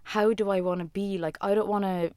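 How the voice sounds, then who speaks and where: A woman's voice: mid-range voice, steady tone, brisk, darkish tone, clear, resonant tone, dry recording, clean studio sound. A woman, a musician and former designer, talking as a guest in a casual interview, rambling and full of "like" fillers. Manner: rambling, heavy use of "like" fillers.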